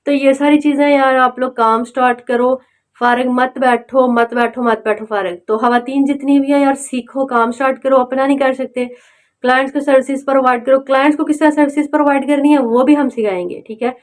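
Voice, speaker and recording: A woman's voice: high voice, steady tone, a little fast. A woman giving a motivational tutorial on online selling, urging viewers directly and often checking in with "okay". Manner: urging, repeats "okay" fillers, direct address.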